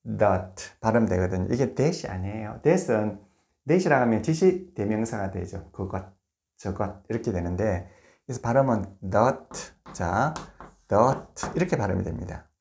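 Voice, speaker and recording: A man giving a recorded grammar lecture, explaining step by step, posing rhetorical questions, and slowing down to spell out examples. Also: on the low side, expressive, a little mellow. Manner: slows to spell out words and examples.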